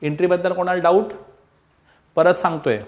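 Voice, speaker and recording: Guy teaching accounts online, kinda high voice, keeps begging the kids to look up. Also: little pitch movement, normal speed, dull audio. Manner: coaxing, repetitive, mixes Marathi, Hindi and English; acts out student replies. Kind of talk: online classroom lecture.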